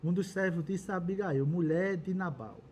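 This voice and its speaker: Brazilian guy doing a bible study, kinda high voice, soft tone, reads verses and explains. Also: moderate pace, slight background noise. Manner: reads scripture aloud, then explains it earnestly. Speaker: church Bible teacher.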